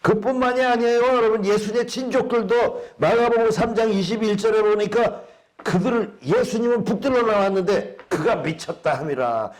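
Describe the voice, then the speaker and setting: A man's voice: high-pitched, moderate pace. A male pastor preaching a sermon in an emphatic way, asking the congregation rhetorical questions.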